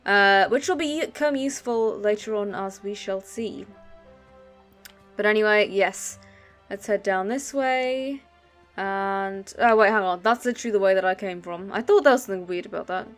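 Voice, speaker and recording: Casual woman explaining a game. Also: mid-range voice. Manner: casual, explains controls with fillers. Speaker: gaming channel host. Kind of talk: let's play commentary.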